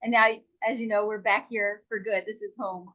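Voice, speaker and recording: A woman's voice: medium pitch, fairly even intonation, moderate pace, bright, forceful tone, low-quality recording. A middle-aged woman chatting as a guest, rambling a little and correcting herself as she goes. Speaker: guest, real estate agent. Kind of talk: casual chat.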